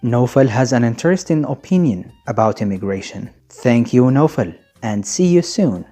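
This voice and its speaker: A man's voice: medium pitch, expressive, normal speed, warm tone, soft background music. A man with a Moroccan accent hosting a radio talk show, speaking as a scripted presenter.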